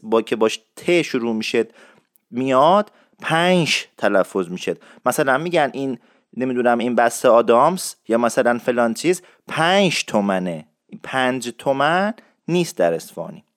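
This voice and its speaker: A man teaching dialect expressions, explaining in a lively way and repeating words slowly for learners. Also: medium pitch, no room sound, clean studio sound. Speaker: language teacher.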